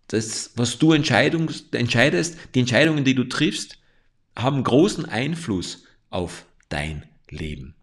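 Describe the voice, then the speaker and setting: A man giving a motivational coaching talk, speaking directly to the listener in a calm, explanatory way. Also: mid-range voice, husky.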